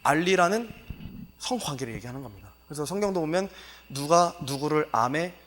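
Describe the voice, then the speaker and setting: A man's voice: fairly high pitch, animated, brisk, fairly bright tone, big-room sound. A male pastor giving a sermon lecture, emphatic and exclaiming, with many filler words.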